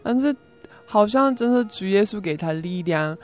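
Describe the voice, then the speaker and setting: A woman's voice: medium pitch, lively intonation, moderate pace, a little mellow. A young woman from South Korea, a native Korean speaker, gives a personal testimony as a foreigner speaking Mandarin with a Korean accent, in simple, hesitant phrases with repeats. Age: young adult. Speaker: interview guest, student. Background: music.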